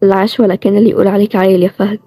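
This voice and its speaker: A woman doing a teasing young heroine, Egyptian accent, quick talker, dark mellow tone, dry close sound. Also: flat delivery, breathy edge, no echo, natural voice. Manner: bantering, quick, higher-pitched. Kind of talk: storybook role-play series.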